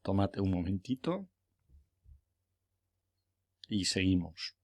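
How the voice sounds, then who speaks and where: A man's voice: low-pitched, very animated, takes it slowly, darkish tone. A man teaching a language lesson, patiently repeating each phrase twice and encouraging learners to say it with him. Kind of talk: slow, deliberate language lesson.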